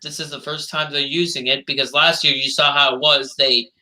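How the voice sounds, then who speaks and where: A man co-hosting a casual motorsport podcast, jumping in with quick agreements and counterpoints. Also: a little high, flat delivery, bright, forceful tone, low-quality recording. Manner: quick interjections, agreeing and arguing.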